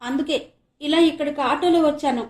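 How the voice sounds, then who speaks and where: A woman voicing a frantic, tearful young college student in an audiobook, pitching her voice high and loud. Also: a little fast, echoey room, lightly acted. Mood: frantic crying.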